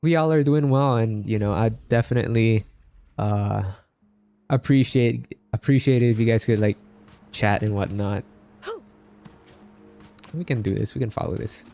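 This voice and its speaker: A man's voice: on the low side, normal speed, vocal fry, long pauses, dark tone. A man from the Philippines livestreaming a game, chatting casually with his viewers. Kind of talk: casual chat with live viewers while gaming. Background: game music.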